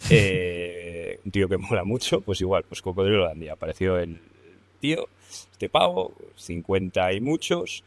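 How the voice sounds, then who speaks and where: A man's voice: low voice, animated, measured pace. A young man with an accent from Spain tells a story as a podcast guest, talking casually and colloquially, laughing often and swearing freely. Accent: Spain Spanish.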